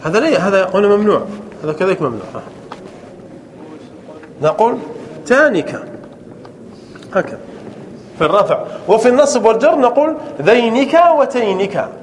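A man's voice: high-pitched, animated, fast talker, long pauses, a little hiss or hum. A man teaching a grammar lesson to a class, explaining step by step and often checking whether the students understand.

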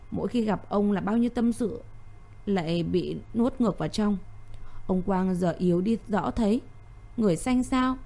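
Mellow-voiced woman narrating a story. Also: mid-range voice. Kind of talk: scripted narration.

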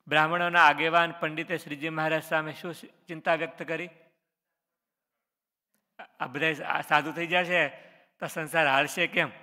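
A man's voice: fairly high pitch, pushed and bright, long reverb tail. A man, a religious teacher reading out quiz questions on scripture stories and answering each one, with short explanations. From Gujarat, India.

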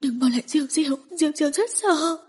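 A woman's voice: very high voice, animated, moderate pace, a little mellow, pitched above the performer's own voice. A woman narrator voicing a fragile, traumatized young woman who sobs and pleads like a child. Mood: sobbing, pleading. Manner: weeping, pleading, trembling.

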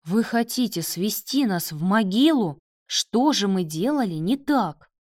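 A man's voice: high voice, big pitch swings, measured pace, dry recording, studio quality. A woman voicing a stern, bewildered older father who speaks reproachfully.

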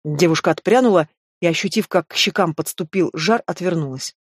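A woman narrating a fantasy novel audiobook in a steady, measured way. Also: lowish voice, breathy edge, dry recording, studio quality. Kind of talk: scripted narration.

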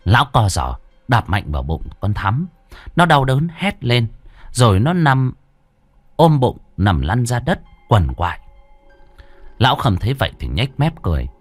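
A man's voice: medium pitch, very animated, unhurried, breathy edge, dry recording, soft background music. A man narrating a ghost story with a dramatic, ominous delivery.

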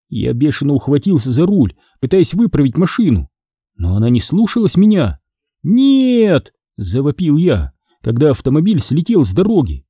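A man's voice: medium pitch, dark tone, husky, no echo. A man reading a first-person horror story aloud as an audiobook narrator, in a tense, vivid style, recorded dry and close.

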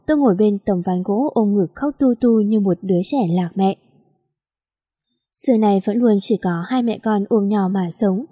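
Brief: female audiobook narrator, first person, steady delivery, mellow husky voice. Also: medium pitch.

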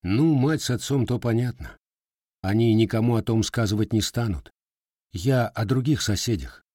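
A man's voice: fairly low pitch, normal speed, a little mellow, no echo, clean studio sound, voice pushed up, natural voice. A man voicing a guarded, scarred young Cossack with plain, blunt village speech.

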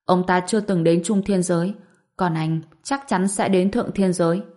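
A woman reading a calm, powerful young male hero in an audiobook, cool and unbothered. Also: lowish voice, moderate pace, close to an everyday voice. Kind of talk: audiobook narration.

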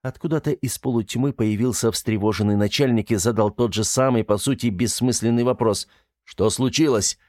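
A man reading an audiobook in a measured storytelling manner. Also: mid-range voice, steady tone, a little mellow, no echo, studio quality. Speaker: narrator. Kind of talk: audiobook narration.

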